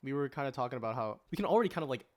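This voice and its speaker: Racing along in an animated, mid-range voice, this podcast panelist makes lengthy arguments during a casual debate. Rhetorical questions and frequent use of "like" fill his speech.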